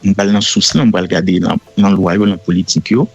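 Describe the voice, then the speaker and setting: A middle-aged Haitian man speaking French with a Haitian accent, explaining himself as a radio guest in a measured way full of fillers. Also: low-pitched, fairly even intonation, husky, muffled recording. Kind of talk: casual radio interview. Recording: faint music in the background.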